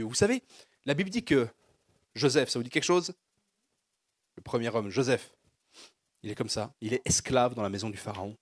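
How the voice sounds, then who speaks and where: Husky, lively French-speaking preacher man. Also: medium pitch, no room sound, clean studio sound. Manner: call-and-response preaching with rising fervor. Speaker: pastor. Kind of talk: sermon.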